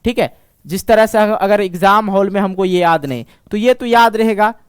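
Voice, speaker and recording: A male Sanskrit teacher giving an online lesson, patient and reassuring, repeating words slowly. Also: sits high, smooth, no echo, studio quality. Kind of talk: online exam-prep lesson.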